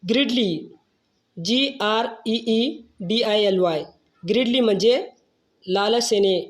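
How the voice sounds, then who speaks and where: Teacher voice, very slow and deliberate, spells words out letter by letter, mid pitch. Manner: slow, measured, spells each word then gives its meaning.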